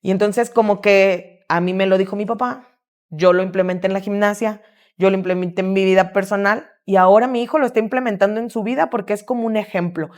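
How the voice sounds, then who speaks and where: A woman's voice: mid-range voice, brisk. A woman, a gymnastics coach and sports mother, telling stories in a casual interview and acting out what she and her son said. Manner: lively, quotes herself and her son.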